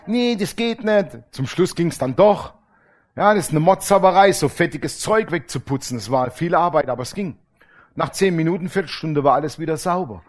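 A middle-aged male preacher giving a casual sermon, animated and colloquial, acting out the voices of people in his stories. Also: a little high, moderate pace. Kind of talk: sermon with anecdotes.

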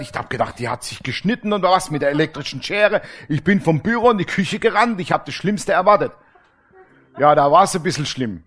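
Slightly high-voiced man preaching animatedly. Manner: colloquial, animated, acts out quoted voices. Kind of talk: sermon with anecdotes.

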